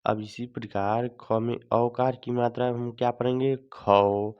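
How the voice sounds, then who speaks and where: A man's voice: mid-range voice, level tone, measured pace, clean tone. Patient male teacher drilling young pupils. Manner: patient, repeats and asks questions of the class. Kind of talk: children's Hindi alphabet lesson. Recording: dull lo-fi sound.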